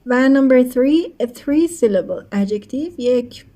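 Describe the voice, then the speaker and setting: A woman teacher explaining English grammar in a recorded lesson, speaking quickly in her explanations and slowing right down for English examples, often checking in with her students. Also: sits high, expressive, dark tone. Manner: switches between quick explanations and slow, deliberate English examples; addresses students as kids, asks rhetorical checks.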